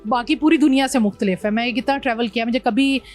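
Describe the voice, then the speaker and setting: A woman's voice: a little high, quick pace, a little mellow, soft background music. A woman from Pakistan, a motorbike traveller, telling her journey in an interview, mixing English words into her speech. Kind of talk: interview conversation.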